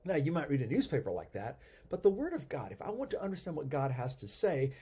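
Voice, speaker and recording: Lively, husky-voiced man teaching a sermon. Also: fairly high pitch, fast talker. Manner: animated teaching with emphatic repetition. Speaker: pastor.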